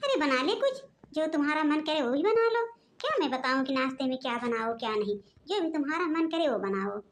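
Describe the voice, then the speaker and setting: A woman's voice: sits high, very animated, brisk, slight background noise. A woman voicing a bossy, nagging mother-in-law in a cartoon, scolding and giving orders.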